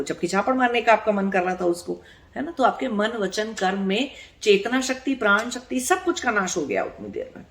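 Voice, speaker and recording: Earnest woman giving a spiritual talk. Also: medium pitch. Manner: explanatory, asks rhetorical questions and checks in with the listener; earnest, repeats words for emphasis. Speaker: spiritual teacher. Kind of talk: spiritual discourse.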